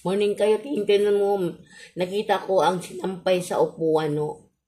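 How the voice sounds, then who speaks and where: A middle-aged Filipino woman vlogger with missing front teeth chats casually to her viewers in a polite, halting way, often repeating herself. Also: mid-range voice, dark tone. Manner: polite, halting, with frequent repetition.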